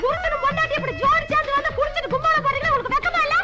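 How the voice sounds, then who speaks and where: An actress playing a sharp-tongued wife who taunts and scolds loudly. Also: female voice, very high-pitched, steady tone, rapid-fire, loud music behind the voice. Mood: scolding.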